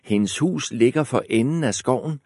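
A trusting little girl from a fairy tale, as a male narrator puts her on, chirping high and eager. Beneath the raised pitch a gravelly edge remains, recorded dry and close. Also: animated, darkish tone, dry recording.

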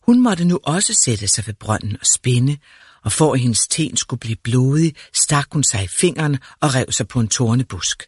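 A man reads a fairy tale aloud in a calm, measured way. His voice is slightly husky and sits at a middle pitch. The recording sounds close and dry. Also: no echo. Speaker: narrator.

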